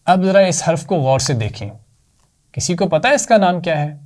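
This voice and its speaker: Give me a man with a Pakistani accent teaching a children's lesson in a fairly high voice, repeating each sound slowly and patiently. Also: expressive, darkish tone. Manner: slow, drawn-out repetition with praise.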